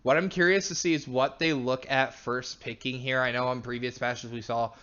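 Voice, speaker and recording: Male esports caster, chatty and analytical, mid pitch, muffled lo-fi sound. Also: steady tone, moderate pace, bright, forceful tone, clean tone. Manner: chatty, analytical, laughs often. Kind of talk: play-by-play commentary.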